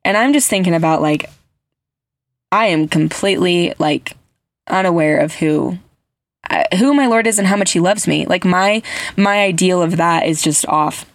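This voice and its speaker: Woman host, gravelly low-ish voice, dry close sound, chatty and earnest. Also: normal speed, no echo. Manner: chatty, heavy use of "like" fillers; earnest, gushing storyteller. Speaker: podcast host. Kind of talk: casual chat.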